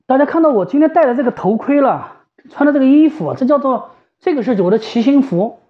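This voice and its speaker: A woman's voice: sits high, expressive, fairly quick. A woman giving an informal, conversational explanation as a specialist, repeating phrases for emphasis. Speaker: home ventilator specialist and shop staff. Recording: slightly dull, lo-fi sound.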